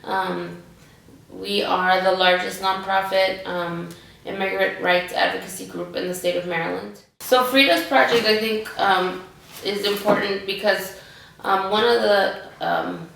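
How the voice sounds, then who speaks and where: A woman who manages an education program answers interview questions haltingly, with many ums. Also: mid-range voice, fairly even intonation, gravelly, a bit bright. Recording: echoey room, mic at a distance.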